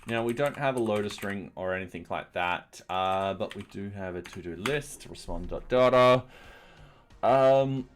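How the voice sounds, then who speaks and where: A software developer streaming live coding narrates each step casually in a lowish, unhurried voice, with slight background noise. His commentary is laced with dry, mildly sarcastic remarks.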